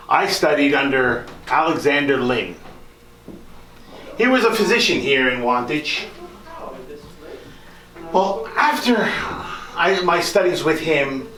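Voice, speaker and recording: A man's voice: fairly high pitch, sharp tone, exaggerated voice. A man playing a genteel nineteenth-century country doctor, telling his life story in a theatrical, folksy monologue to a live group. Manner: theatrical, folksy, addressing listeners directly. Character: genteel 19th-century country doctor, proud, reminiscing, later grieving. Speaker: costumed tour performer. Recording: echoey room, live performance.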